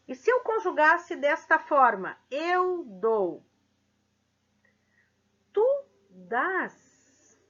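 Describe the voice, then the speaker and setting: A woman's voice: high-pitched, pushed and bright. A woman teacher, giving a grammar lesson and asking the class questions. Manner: slow, explanatory, asks the class questions. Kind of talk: grammar lesson for middle school. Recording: dull lo-fi sound.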